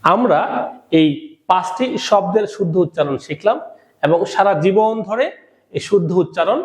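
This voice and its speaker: A man leads a pronunciation lesson, his voice pitched high and swinging widely as he drills each word. He talks slowly and repeats sounds for listeners to copy. The recording has a noticeable room echo. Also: lively intonation. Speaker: English pronunciation teacher. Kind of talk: spoken lesson.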